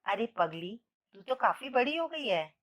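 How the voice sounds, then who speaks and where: A woman voicing a gentle, grey-haired older male teacher who speaks softly and kindly in a told story. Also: on the high side, big pitch swings, a little slow. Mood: fond. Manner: soft, fatherly, calls her "beti".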